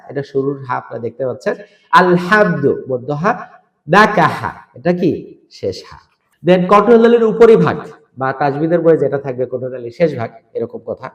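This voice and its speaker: A man's voice: medium pitch, echoey room. A man with a Bangladeshi Bengali accent teaching Quran letter pronunciation, drilling syllables aloud and mixing in English words. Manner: mixes English words into instruction. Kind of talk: online recitation lesson.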